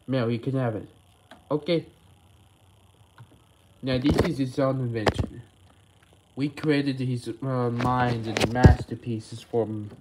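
A man voicing all the characters in a homemade toy animation, with halting, rambling delivery full of word slips. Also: mid-range voice, darkish tone, a little hiss or hum, low-quality recording. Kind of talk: homemade toy stop-motion voice acting.

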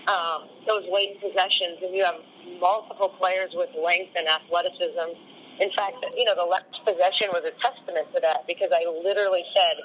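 Bright-voiced woman coach, post-game. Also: fairly low pitch, fairly even intonation, fairly quick, slight background noise, low-quality recording. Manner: rambling, full of "you know" fillers. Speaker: head coach. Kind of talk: post-game press interview.

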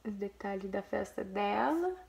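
A woman's voice: medium pitch, animated, measured pace, creaky, a little mellow. A young Brazilian woman vlogging casually, gushing as she shows viewers a photo album and talks to them directly. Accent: Brazilian Portuguese. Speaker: vlogger, mother.

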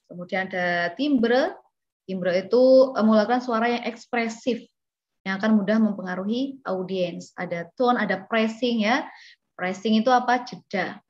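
A woman leads an online lesson on being a master of ceremonies. She explains in a loose, conversational way, full of fillers and questions to the class. Her voice comes through a muffled, lo-fi call connection. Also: mid-range voice. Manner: conversational teaching with many fillers and rhetorical questions. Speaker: MC skills trainer. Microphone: video call.

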